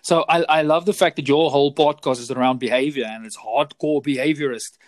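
A fairly high-pitched, steady male voice, speaking a little fast with no echo. He's a South African teacher trainer whose first language is Afrikaans, appearing as a guest on a casual podcast interview, chatty and often repeating words when he restarts.

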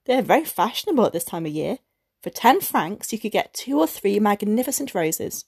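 A woman's voice: medium pitch, sing-song, a little fast, vocal fry, a little mellow, husky, no echo, clean studio sound, full character voice. A woman reader voicing an anxious, eager-to-please clerk husband who stammers and pleads. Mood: coaxing.

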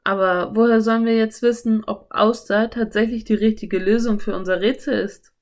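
A woman's voice: fairly high pitch, fairly even intonation, normal speed, pitched above the performer's own voice, lightly acted. Brief: bookish young boy, cautious and earnest, slightly lifted voice, read by a woman.

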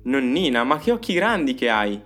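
A man's voice: medium pitch, big pitch swings, moderate pace, a bit bright, soft background music, pitched above the performer's own voice. A man voicing an obedient little girl in a comic fairy-tale reading. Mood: eager.

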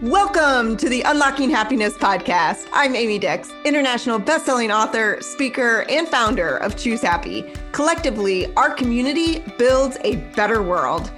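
A woman's voice: fairly high pitch, expressive, moderate pace, few pauses, a bit bright, faint music behind. Upbeat woman hosting a podcast. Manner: enthusiastic, uses fillers like "like". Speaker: podcast host.

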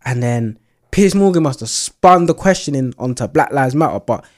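A man's voice: medium pitch, animated, normal speed, darkish tone. A man in casual podcast chat, laid-back and heavy on slang fillers.

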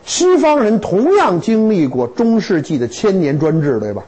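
Husky, animated male lecturer. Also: high voice, moderate pace, poor audio. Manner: animated, humorous storytelling with rhetorical questions. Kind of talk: lively classroom lecture. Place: lecture hall with students.

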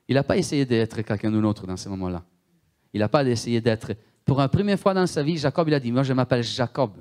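His voice is mid-range and a little mellow as this man preaches in French, a strong accent revealing that Italian is his native tongue. He speaks emphatically, tends to repeat himself, and often asks the audience questions.

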